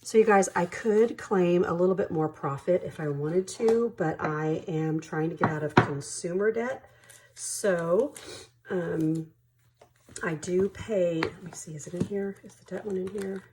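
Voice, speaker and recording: With background noise behind her, a woman with a fairly low, unhurried voice runs her own budgeting vlog. Allergies leave her congested, sniffling and coughing, yet she chats easily, apologizes, laughs often and tallies money aloud in a friendly way.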